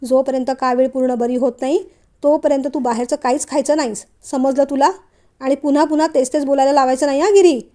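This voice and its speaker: A woman's voice: high voice, quick pace, lightly acted. A woman voicing a middle-aged father who is caring at heart but scolds his grown sons in a storybook reading. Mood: scolding. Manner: calm, then scolding.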